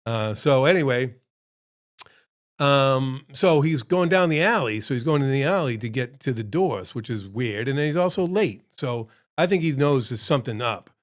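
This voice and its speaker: A man's voice: medium pitch, animated, moderate pace. A man, a restaurant owner hosting his own show, telling a story casually and rambling, acting out quotes with big jumps in his voice.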